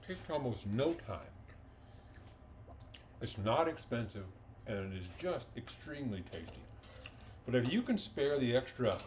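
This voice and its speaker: Folksy male home-cooking vlogger, mid pitch, enthusiastic, kitchen with faint hum behind. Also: darkish tone. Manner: folksy, enthusiastic, talks with mouth full while eating. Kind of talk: casual cooking demonstration.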